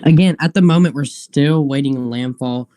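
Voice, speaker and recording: A man hosting an unscripted live weather stream, thinking aloud in a halting, repetitive way. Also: a little high, mellow.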